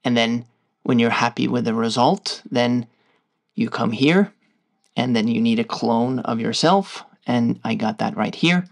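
A man with a Norwegian accent, casually walking viewers through a software tutorial in a loose, stop-start way. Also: mid-range voice, measured pace, vocal fry. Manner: loose, stop-start explaining while clicking through screens. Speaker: tutorial host.

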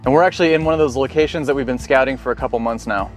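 Music plays in the background as an American foraging vlogger in his thirties explains things casually, speaking very fast. He uses a clip-on wireless lapel mic, and his voice is mid-range.

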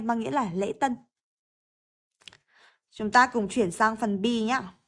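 A Vietnamese-accented woman explains English exercises in a high voice. She speaks slowly and carefully and repeats each word to model its pronunciation. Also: a bit bright. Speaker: English teacher.

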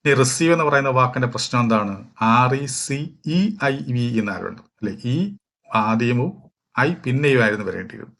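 A man from Kerala, walking through exam questions as a teacher, reading each question slowly and explaining at length with fillers. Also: mid-range voice, vocal fry, fairly bright tone. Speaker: English teacher for exam prep. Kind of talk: exam question walkthrough lesson.

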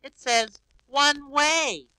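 A man voicing a big, sweet, childlike yellow bird on a read-along record, innocent and wondering aloud. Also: very high voice, drawn-out words, noisy background, full character voice. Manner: innocent, wondering, talks to himself.

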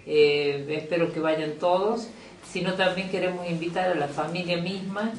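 A woman's voice: on the low side, steady tone, moderate pace. Chatty Argentine woman in an echoey office. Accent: Argentine Spanish. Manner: chatty, many fillers and restarts. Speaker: youth coordinator interviewed about a youth expo. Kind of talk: casual interview. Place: small office indoors. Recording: echoey room, distant mic, faint noise.

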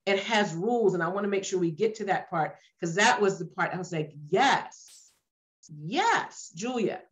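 Over a laptop webcam on a video call, a woman leads an online workshop discussion from a room with a sloped ceiling. Her mid-range voice is expressive and at normal speed, though the audio is dull, and she speaks emphatically, repeating points to stress them.

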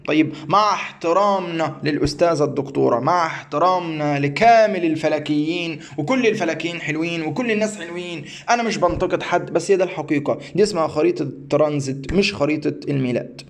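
An astrology teacher with an Egyptian Arabic accent walks through a website in a screen-share tutorial, rambling, repeating himself, and often stumbling and restarting. His voice is a little high and creaky, and he talks quickly with hardly any pauses.

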